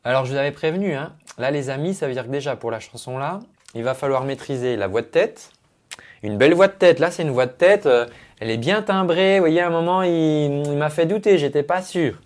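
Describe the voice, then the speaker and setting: Brisk and a little mellow, this man's fairly high voice explains a singer's technique in chatty detail. He is a vocal coach using singing terminology, talking into his microphone at a computer.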